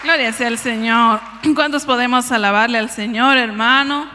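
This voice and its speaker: A woman's voice: on the high side, steady tone, moderate pace, crowd noise, noisy background. A woman giving a sermon in a church, exhorting the congregation in a devout manner. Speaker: preacher's wife leading a sermon. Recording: church hall reverb.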